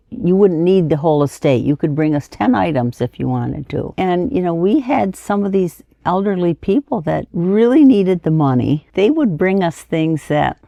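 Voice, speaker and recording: A woman's voice: low-pitched, gravelly, dark tone, no echo. Casting: plain-spoken woman, 60s, casual interviewee, close dry sound, a bit muffled. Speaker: auctioneer being interviewed.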